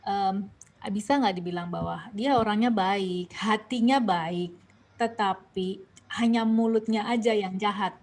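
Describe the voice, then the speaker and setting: A woman's voice: mid-range voice, unhurried, darkish tone. A young woman with an Indonesian accent guides a Bible study. She questions the group, reads scripture aloud and restarts her sentences often. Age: young adult. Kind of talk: online Bible study discussion.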